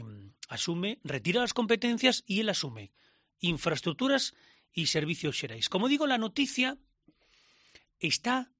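A man's voice: high-pitched, fairly bright tone, no echo. A man presenting live radio news from a studio, delivering with emphasis and the odd filler. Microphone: studio microphone.

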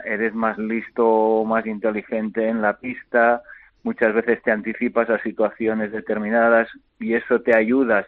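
Low-voiced man on a tinny phone line. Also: no room sound. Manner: halting, repeats words often, many fillers. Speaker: retired pro basketball player, interview guest. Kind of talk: phone interview answers. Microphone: telephone.

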